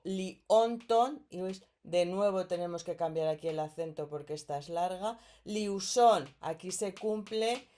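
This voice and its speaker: A woman's voice: lowish voice, warm tone. A woman from Spain teaching a recorded grammar lesson, explaining patiently step by step and checking in with her students.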